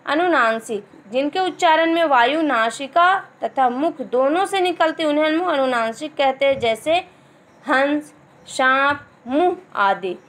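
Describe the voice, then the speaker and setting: A woman teacher explaining a grammar lesson step by step, repeating key terms and slowing down on each example word. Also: high voice. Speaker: school teacher.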